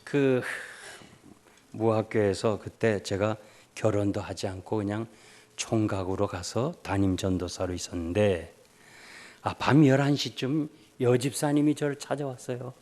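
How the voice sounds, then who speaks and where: An older man preaching a revival sermon as pastor, urging loudly one moment and telling a story softly the next. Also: lowish voice, fairly even intonation, unhurried. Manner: emphatic, swings between loud urging and soft storytelling.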